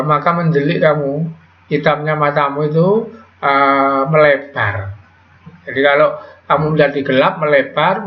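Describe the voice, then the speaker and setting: A man teaching biology to a class, quizzing students with quick call-and-response questions in a casual manner. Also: on the high side. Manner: casual, with Javanese slang words. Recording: echoey, dull lo-fi classroom audio.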